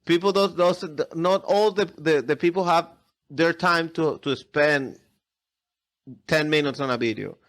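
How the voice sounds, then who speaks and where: A man's voice: on the high side, unhurried, a bit bright. A man chatting casually as a podcast guest in non-native English, often repeating words and restarting his phrases. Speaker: podcast guest, airsoft video creator. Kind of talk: casual interview chat.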